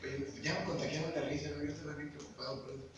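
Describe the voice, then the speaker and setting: A man's voice: on the high side, fairly even intonation, racing. A man preaching a sermon, earnestly asking the congregation questions. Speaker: lay preacher. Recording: echoey hall, far-off mic, background noise.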